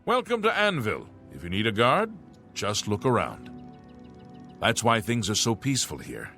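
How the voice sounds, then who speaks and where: A man's voice: on the low side, wildly swooping pitch, moderate pace, sharp tone, faint music behind, exaggerated voice. A man voicing a friendly, gossipy townsman in a video game.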